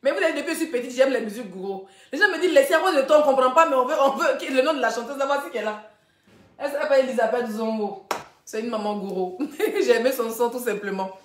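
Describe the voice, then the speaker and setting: Woman, high voice, animated gossip rant, laughing, talks straight to viewers, echoey room. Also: fast. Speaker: live-stream host. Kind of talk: ranting gossip live stream.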